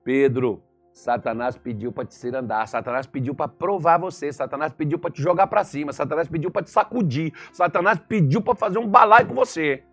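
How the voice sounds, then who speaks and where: A man's voice: fairly high pitch, brisk, faint music behind. A man voicing a patient male teacher who chides a disciple with repeated warnings. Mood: chiding. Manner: chiding, repetitive warnings.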